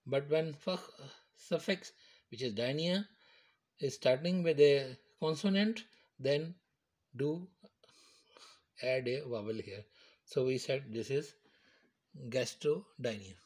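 Man slowly explaining medical terms. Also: mid-range voice, a little mellow. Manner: slow, repetitive, explains step by step. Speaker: teacher. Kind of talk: medical terminology lecture.

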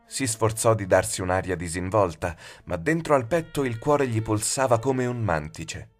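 A man narrating a horror story as an audiobook, in a measured, suspenseful way. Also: on the low side, lively intonation, faint music behind. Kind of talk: scripted dramatic narration.

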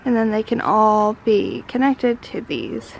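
A woman in her twenties narrates a travel vlog at a farm sugarhouse and outdoors, casual and enthusiastic and full of exclamations. Her voice is on the high side, steady, and a little slow, with vocal fry. The noisy on-location camera audio sounds muffled.

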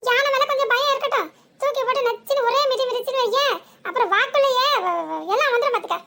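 A woman voicing a sharp-tongued young village wife in a comic cartoon, with a southern Tamil village accent and a scolding, sarcastic manner. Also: extremely high pitch, fast talker, background noise. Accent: southern Tamil village dialect. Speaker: cartoon character.

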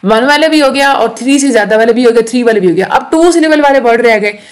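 A woman teaching a recorded lecture, explaining slowly, repeating words and checking in often. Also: a little high. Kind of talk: recorded lecture on English grammar.

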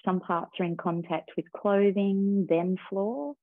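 A woman teacher slowly guiding a breathing and body-awareness meditation in a calm, soothing way. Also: medium pitch, no room sound. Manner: slow, calm, soothing guidance. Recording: tinny phone-like sound.

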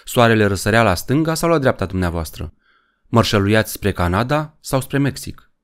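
A man's voice: fairly low pitch, expressive, smooth, pitched above the performer's own voice, close to an everyday voice. A man voicing an eager, curious young boy in an audiobook.

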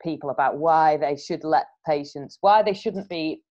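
A woman's voice: low-pitched, moderate pace, a little mellow. A woman hosting a podcast interview, chatting casually and telling stories with frequent laughs. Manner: chatty, storytelling, laughs often. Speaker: podcast host. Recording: slightly dull lo-fi sound.

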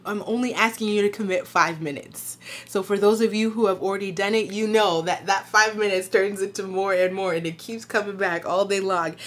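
A woman with a rough morning voice, talking casually and fervently in a devotional vlog, urging viewers to keep a daily scripture habit. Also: medium pitch. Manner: fervent, preachy, quick asides. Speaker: faith vlogger.

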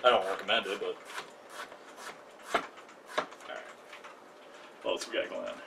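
A man's voice: low-pitched, steady tone, unhurried, vocal fry. A young man hosting a live cooking stream in his home kitchen, chatty and self-mocking with jokey asides. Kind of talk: casual live cooking demo. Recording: distant mic, noisy kitchen.

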